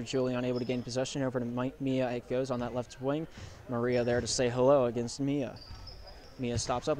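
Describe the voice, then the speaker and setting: Young man, basketball play-by-play commentator, rapid play calling, loud bursts on scores. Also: mid-range voice. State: out of breath.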